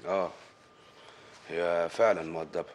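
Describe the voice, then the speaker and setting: A man's voice: low-pitched, flat delivery, moderate pace, close to an everyday voice. An actor playing a grown son who answers his mother with dry, defensive retorts, in Egyptian Arabic. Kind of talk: film acting.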